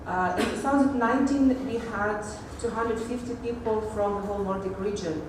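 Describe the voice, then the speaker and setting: A woman's voice: medium pitch, moderate pace, noisy background. Hesitant woman presenting in an echoey hall. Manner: hesitant, many fillers and restarts. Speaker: conference presenter. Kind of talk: technical conference talk. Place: large echoey conference hall. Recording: echoey hall audio from far off.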